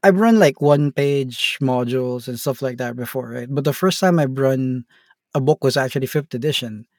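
Here the same Filipino game master has a medium-pitched voice at normal speed, captured in a dry, clean studio recording. He chats casually as an interview guest, relaxed and rambling, leaning heavily on fillers and tag questions.

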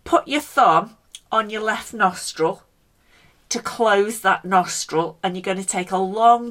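A woman with a medium-pitched, fairly bright voice teaches a casual guided breathing lesson. As the instructor, she walks the listener through each step in a playful, encouraging way.

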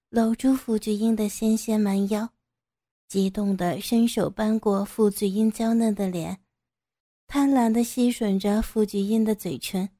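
Female narrator, warm dark tone, even storytelling pace, dry close sound. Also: mid-range voice, no room sound.

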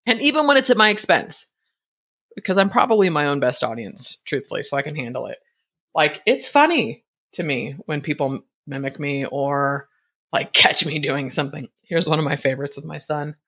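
A woman in her fifties hosting a podcast, talking through a personal reflection quickly and a bit mumbled, laughing often. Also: deep voice, expressive, fairly bright tone. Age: 50s. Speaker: podcast host.

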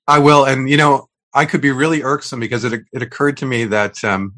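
Brief: middle-aged male co-host, loose meandering talk full of ums, average pitch, over a video call. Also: steady tone, brisk, bright, forceful tone. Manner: rambling, many fillers and restarts, chuckling. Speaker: podcast co-host. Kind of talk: casual chat.

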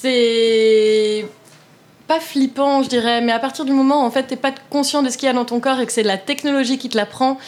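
A woman co-host musing hesitantly in a casual chat, with many pauses and fillers. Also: high-pitched, steady tone, a little mellow.

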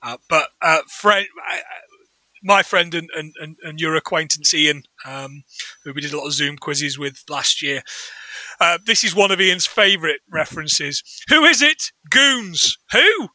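A man's voice: fairly high pitch, normal speed, sharp tone, no echo. A man co-hosting a podcast in casual chat, laughing often as he retells scenes. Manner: giggly, retells scenes and quotes lines. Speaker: podcast co-host.

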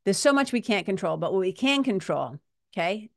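A woman's voice: medium pitch, very animated, a little fast, creaky, no room sound. New woman, dry close-sounding motivational talk. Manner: informal, conversational and emphatic, with salty slang. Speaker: podcast host and spiritual coach. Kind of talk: casual motivational monologue to listeners.

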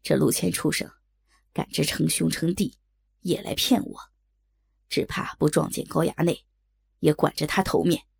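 A woman's voice: low-pitched, steady tone, moderate pace, creaky, long pauses, slightly rough, voice pushed down, heavily acted. A woman voicing an angry grown male warrior in a told story, speaking in a stern, seething way. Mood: grim anger.

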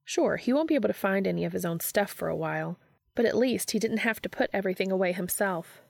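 A woman reading a fan story aloud in a steady storytelling narration. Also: medium pitch, fast talker, gravelly, no echo. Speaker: fanfiction reader.

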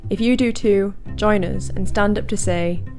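A woman reading scripted credits and an appeal in a measured, formal way. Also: medium pitch, darkish tone. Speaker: credits announcer. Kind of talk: scripted read announcement. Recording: music bed under the voice.

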